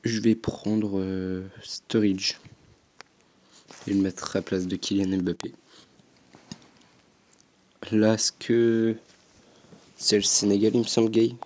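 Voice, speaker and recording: A young man talks through a football game in casual commentary, pausing often to think aloud. His voice sits a little low and mellow, and he speaks slowly. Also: little pitch movement. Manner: slow, hesitant, thinking aloud with frequent "euh". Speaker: gaming YouTuber.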